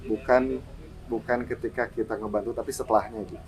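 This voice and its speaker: A man's voice: mid-range voice, fairly even intonation, brisk, low-quality recording. A man, a humanitarian volunteer, recounting experiences casually and plainly in a podcast interview. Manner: casual, plainspoken, fillers like "gitu".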